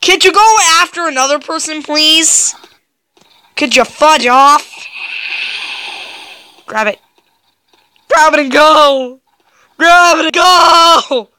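A woman's voice: high voice, takes it slowly, pauses often, sharp tone. A young woman doing gameplay commentary, jumpy and yelping with laughter when scared. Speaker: gaming video creator.

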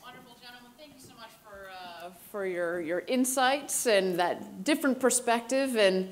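A woman's voice: medium pitch, animated, moderate pace. A woman hosting a conference, thanking the panelists as she closes the session.

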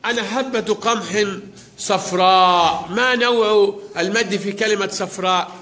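A man's voice: high voice, steady tone, normal speed, pushed and bright. A man teaching a primary school class, quizzing pupils by name and drawing out words as he reads them. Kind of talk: classroom lesson.

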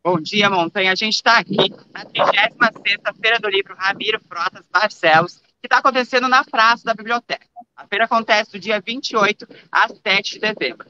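A young man in his twenties reporting live from an outdoor book fair with a handheld mic, asking brisk short questions. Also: sits high, sharp tone, lo-fi sound. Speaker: field reporter. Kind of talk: live on-site reporting and interviews.

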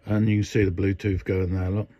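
An older radio hobbyist gives a casual, hands-on modification demo at his indoor workbench, rambling with many fillers and restarts. He talks briskly in a low, warm voice with little pitch movement. The recording is dull, dry lo-fi phone audio.

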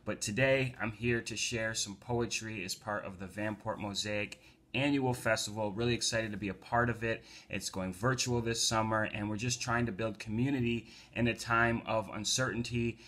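His voice is lowish and fairly bright, with fairly even intonation and normal speed. The man, a US community organizer and poet, talks casually with fillers at home, then moves into reading his poems with rising emphasis.

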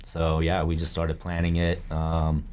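A man's voice: a bass voice, monotone, unhurried, darkish tone, a little hiss or hum. A man in his thirties, a barbershop owner, talking casually and laid-back in an interview, with slang and easy laughs. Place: barbershop, indoors.

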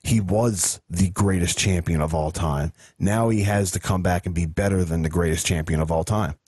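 A man hosts a casual podcast and gives blunt, profane opinions. His voice is very low and husky. The sound is dry and close, with no room around it. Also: moderate pace, darkish tone, no room sound. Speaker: podcast host. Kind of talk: casual chat.

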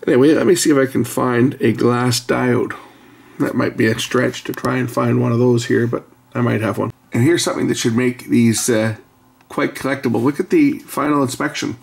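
In a noisy room, a middle-aged man narrates his hands-on repair work at an indoor bench, keeping the commentary casual as he explains. His mid-range voice is creaky and husky.

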